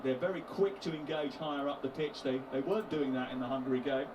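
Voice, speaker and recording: A man doing live play-by-play football commentary on TV, calmly naming players as the play moves. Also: mid-range voice, fast. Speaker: TV match commentator. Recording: distant broadcast audio with loud noise.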